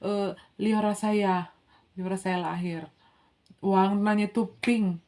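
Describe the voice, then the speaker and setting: Young mother, casual vlogger, mid-pitched voice, lively storyteller who acts out the dialogue. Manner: chatty, acts out quoted dialogue with pitch jumps. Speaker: mother sharing a birth story.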